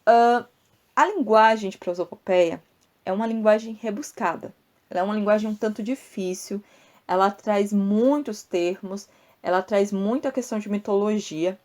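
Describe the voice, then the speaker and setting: Woman, podcast host, teacher, poetry lesson, explanatory, drawn-out syllables, chatty asides to listeners. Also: medium pitch, darkish tone. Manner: explanatory, addresses listeners directly with asides like "tá, gente?"; spells out rhymes and syllables slowly.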